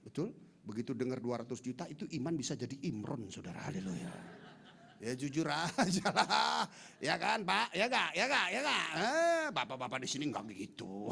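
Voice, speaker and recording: A man preaching a lively, humorous sermon to his congregation, acting out the voices of the people in his stories and teasing the listeners. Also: mid-range voice, gravelly, slightly rough. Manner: acts out quoted voices, playful asides to congregation. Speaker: pastor. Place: large church hall.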